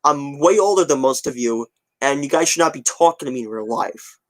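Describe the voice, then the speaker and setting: A twenty-year-old creator talks fairly quickly to viewers in a mid-range voice with lively intonation. He answers their comments in a casual, rambling style, repeating himself without much care.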